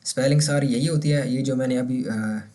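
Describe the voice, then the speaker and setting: A man with a Pakistani Urdu accent gives a casual language lesson at an ordinary middle pitch. He explains patiently and says each example word slowly and carefully, as if writing it out for his students. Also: fairly even intonation, mellow. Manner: patient, repeats words slowly to model pronunciation. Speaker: German language teacher.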